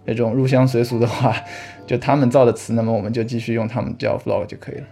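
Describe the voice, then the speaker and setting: A man's voice: medium pitch, little pitch movement, quick pace, creaky, dark tone, soft background music. Man explaining at length in casual chat. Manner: explanatory, thinks aloud with restarts and easy laughs. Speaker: podcast guest, vlog creator.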